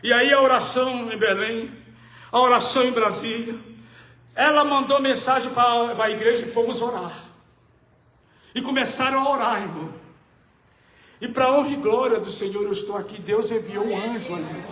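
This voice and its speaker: High-voiced Brazilian pastor preaching in echoey church. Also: male voice, moderate pace, long pauses. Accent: Brazilian Portuguese. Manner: swings from hushed storytelling to shouted preaching. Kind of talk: sermon testimony. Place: church hall.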